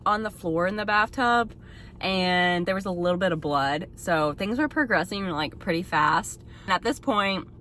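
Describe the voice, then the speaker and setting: A young woman tells her story in a loose, chatty way, stringing thoughts together with "like" and light laughter. Her voice is bright and forward. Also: fairly low pitch, moderate pace, a little hiss or hum. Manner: chatty, fills speech with "like", laughs often. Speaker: vlogger sharing her birth story. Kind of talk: casual storytelling to camera.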